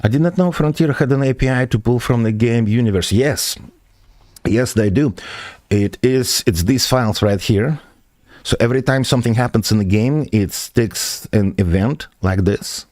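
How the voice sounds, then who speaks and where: A man streaming as a software developer, walking through his project step by step, answering viewer questions with frequent hesitations. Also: mid-range voice, moderate pace, dry recording. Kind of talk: live stream tech walkthrough.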